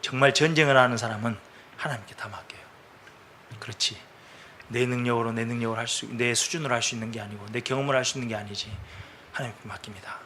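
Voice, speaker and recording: A man preaching a Sunday sermon in a bright, forceful voice at a middling pitch. He talks to the congregation in a chatty, storytelling way and slips into the voices of people he quotes. A faint ambient hiss runs underneath. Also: fast. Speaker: pastor. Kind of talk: conversational sermon. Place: church service.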